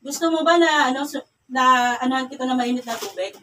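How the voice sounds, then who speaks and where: High bright-voiced faith healer lady from cagayan valley, stern repeated questions, far from mic. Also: fairly quick. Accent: Filipino, Cagayan Valley. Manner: stern, repetitive questioning, scolding. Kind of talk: healing ritual interrogation. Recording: distant mic with faint ambient noise.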